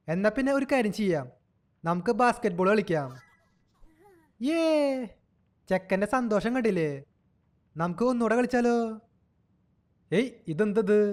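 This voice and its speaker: A young man giving playful game commentary, teasing and cooing at an in-game baby as if it were a child. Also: high-pitched. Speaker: gaming channel host.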